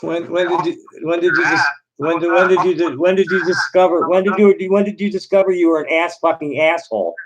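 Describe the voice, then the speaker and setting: Middle-aged Chicago man, live-stream host, rambling and halting delivery. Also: sits high, steady tone, poor audio. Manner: halting, many restarts and fillers. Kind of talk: rambling casual monologue to chat.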